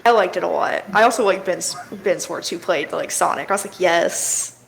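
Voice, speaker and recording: A woman's voice: lowish voice, fast talker, vocal fry, a little hiss or hum, low-quality recording. A young woman hosting a podcast, chatting casually and telling stories with easy laughter. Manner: chatty storyteller, laughs easily. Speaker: podcast host. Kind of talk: casual chat.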